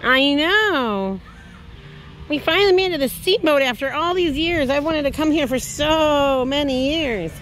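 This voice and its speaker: A cheerful woman from Philadelphia filming a family vlog at an outdoor playground, excitedly coaxing her kids along. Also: high-pitched, measured pace. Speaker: mother filming a family outing. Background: music playing.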